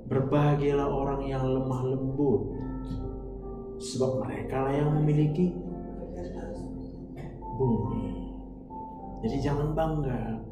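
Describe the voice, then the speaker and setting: Lively preacher woman, echoey church. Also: extremely low pitch, slow, long pauses, highs cut off. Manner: lively, acts out dialogues, asks the congregation questions. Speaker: preacher and doctor. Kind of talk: sermon. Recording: echoey hall with music behind.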